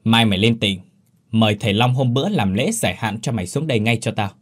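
Man playing a gruff old village landlord, curt commands, raised and husky. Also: on the low side, animated, quick pace. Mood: grave command.

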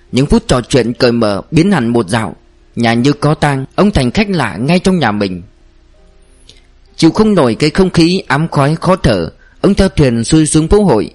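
A man narrating a novel in a steady storytelling voice. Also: medium pitch. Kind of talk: audiobook narration.

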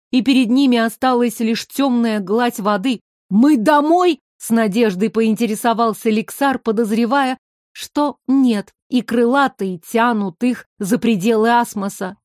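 A woman with a fairly high voice reads a story aloud in steady, expressive narration. The recording is dry and close, with no room sound at all. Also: no echo. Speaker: audiobook reader. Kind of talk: scripted narration.

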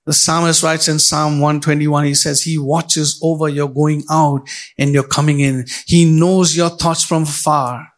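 A man's voice: a little high, flat delivery, unhurried. A middle-aged male pastor preaching a sermon in church, speaking straight to the congregation with rising and falling emphasis.

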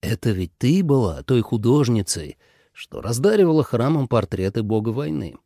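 A blunt, self-assured god of war, as a male narrator puts him on speaks in a lowered, mellow voice. He asks plain questions without fuss. The audiobook recording is dry. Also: very animated, moderate pace, no room sound. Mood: calm.

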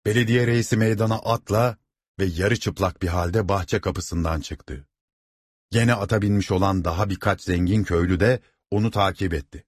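A man reading a novel aloud as narrator, with steady, dramatic storytelling. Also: sits low, moderate pace, breathy edge, no echo, clean studio sound.

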